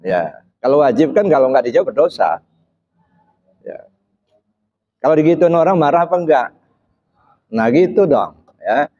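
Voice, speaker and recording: An Islamic preacher with a fairly high yet dark-toned voice gives an animated, interactive religious talk at a moderate pace, pausing often. He puts questions to the audience and presses them to answer, slipping in short "ya" checks between phrases, in a slightly dull, muffled recording.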